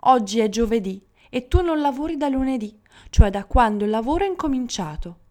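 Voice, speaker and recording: A woman's voice: fairly high pitch, big pitch swings, brisk, darkish tone, pitched above the performer's own voice. A woman voicing a stern, knowing male genie of the deserts in a storybook reading.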